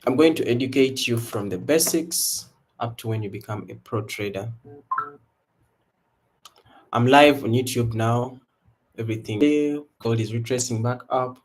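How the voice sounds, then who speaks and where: With long pauses and a mid-range voice that runs a little slow, a young Ugandan man hosts a casual trading livestream. He sits indoors before a branded backdrop, chatting loosely with viewers in a Ugandan accent and repeating relaxed hype calls.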